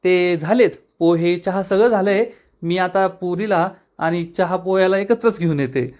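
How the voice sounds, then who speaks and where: A man's voice: sits high, unhurried, darkish tone. A man voicing a fussy, worried aunt who frets over a missing girl. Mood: fretting. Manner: exasperated, fretting.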